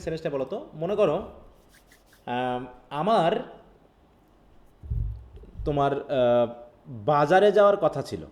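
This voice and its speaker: A man's voice: mid-range voice, a little mellow. A man teaching a live online linguistics class. He reads lines from a text, then explains them in a casual teaching style. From Bangladesh. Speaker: English literature teacher.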